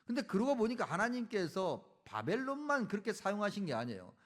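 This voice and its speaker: Animated, high-voiced preacher. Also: male voice, fairly quick. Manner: animated, dramatizing Bible speeches. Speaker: pastor. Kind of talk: sermon. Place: church.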